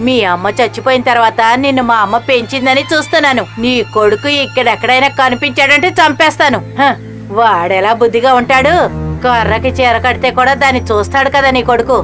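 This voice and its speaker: A woman's voice: high-pitched, fairly quick, a bit bright, faint music behind. A woman voicing a spiteful middle-aged village mother who hurls taunts and insults, in a dubbed film drama. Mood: spiteful, scolding. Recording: film score underneath.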